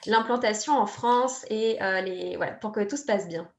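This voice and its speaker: A woman's voice: medium pitch, moderate pace, creaky, roomy sound. A woman moderating a webinar, asking questions hesitantly with fillers. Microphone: video call.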